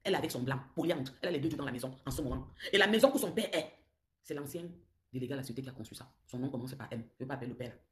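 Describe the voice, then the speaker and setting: A woman's voice: very deep voice, rapid-fire. A woman with a Cameroonian French accent, hosting a heated live-stream rant, accusing and taunting someone in a confrontational way. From southern Cameroon.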